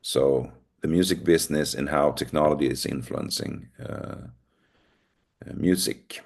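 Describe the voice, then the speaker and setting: With a rumbling, creaky low voice at a measured pace, a middle-aged man from Sweden lectures in English, not his first language, with a Swedish accent. The recording finds him hesitant and self-mocking, filling gaps with ums and uhs.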